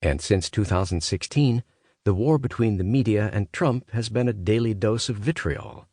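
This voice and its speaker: A man's voice: fairly low pitch, normal speed, warm tone, no echo, clean studio sound. A man reading a scripted nonfiction audiobook as its narrator.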